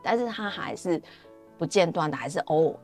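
A woman's voice: fairly low pitch, animated, a little fast, a little mellow, faint music behind. A woman with a Taiwanese Mandarin accent sharing her personal faith testimony in a chatty, storytelling way, often trailing off with fillers.

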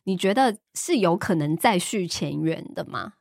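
A woman's voice: fairly low pitch, animated, moderate pace, vocal fry, a little mellow, dry recording, studio quality. A woman, co-hosting a casual chat, teasing and laughing often. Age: 30s. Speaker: podcast co-host.

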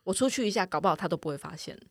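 A woman's voice: lowish voice, expressive, racing, no echo, clean studio sound. A woman co-hosting a casual chat, reassuring and full of advice. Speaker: podcast co-host.

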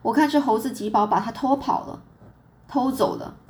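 A woman's voice: fairly high pitch, moderate pace, darkish tone, natural voice. A woman voicing a sheepish young farm boy, pleading and defending himself.

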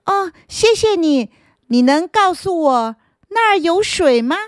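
A woman's voice: very high voice, animated, measured pace, dry recording, studio quality, voice pushed up. A woman voicing a small, polite young tree root in a children's storybook, speaking timidly and earnestly. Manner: polite, eager, timid questions.

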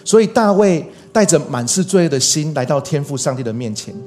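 A man with a high voice preaches a sermon as a pastor, earnest and deliberate, circling back to repeat his main points. Soft music plays faintly underneath him. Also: expressive. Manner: earnest, repeats key phrases for emphasis.

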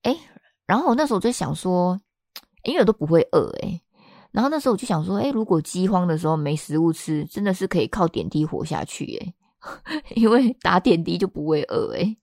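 A woman, hosting a podcast and telling a personal story in a chatty, expressive way. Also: on the low side, a little fast, dry recording, clean studio sound. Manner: chatty and expressive, acts out the people she quotes. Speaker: podcast host.

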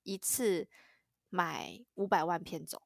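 A woman's voice: fairly low pitch, slow pace, gravelly, no echo, studio quality. A young woman co-hosting a podcast in casual chat, reacting with frequent laughter. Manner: laughs often, chatty reactions. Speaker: podcast co-host.

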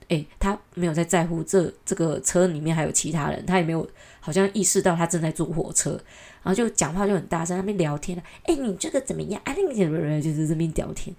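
Woman vlogger, Taiwanese Mandarin accent, lower-pitched voice, chatty and exasperated storytelling. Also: a little mellow. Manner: chatty and exasperated, with mocking asides. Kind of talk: casual storytelling rant.

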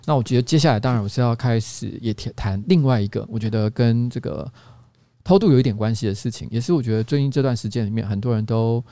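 A man in his forties with a Taiwanese accent hosts a casual comedic podcast, telling jokey stories animatedly and laughing often. His mid-range voice moves fast, and the recording sounds dry.

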